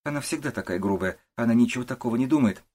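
A man with a husky voice voicing a cheerful, gentle young woman in an audiobook, light and teasing. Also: medium pitch, rapid-fire, voice pushed up, lightly acted. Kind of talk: audiobook character voice.

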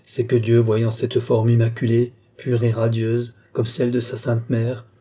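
A man's voice: mid-range voice, completely flat delivery, a little slow, warm tone, close to an everyday voice. A man reading the lines of a brooding, ambitious mystic in a solemn, exalted declamation. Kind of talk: audiobook character reading.

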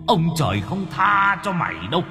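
A man's voice: sits high, big pitch swings, moderate pace, pushed and bright, big-room sound, voice pushed up, exaggerated voice. A choking, furious old man's ghost, as a male narrator puts him on, gasping out threats in a horror storybook. His voice rises and falls sharply. Faint music sits under it.

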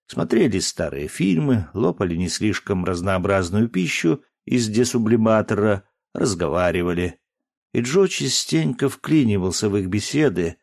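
Man, audiobook narrator, low pitch, measured and expressive, science fiction storytelling.

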